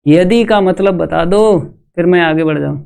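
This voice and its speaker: A man's voice: sits high, normal speed, gravelly, darkish tone, smooth. A man teaching maths in a live online class, walking students through each step and putting questions to the chat. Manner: calls students "bhai".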